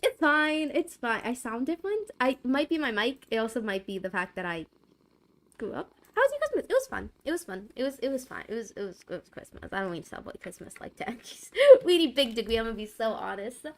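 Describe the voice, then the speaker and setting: Fairly quick and a little high-pitched, with big swings in pitch, a young adult woman chats on a live stream from her home gaming setup through a desk mic. She's giggly and rambling, and she repeats herself a lot.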